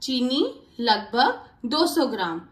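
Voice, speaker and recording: A woman's voice: fairly high pitch, very animated, slow pace, reverberant. A young woman hosting a home cooking tutorial, chatting through each step for her viewers. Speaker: cooking channel host. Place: home kitchen.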